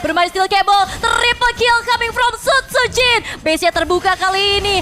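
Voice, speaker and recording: A woman with an Indonesian accent shoutcasting live game action like an excitable fighting game announcer. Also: extremely high pitch, very noisy. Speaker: esports shoutcaster. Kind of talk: live play-by-play game commentary.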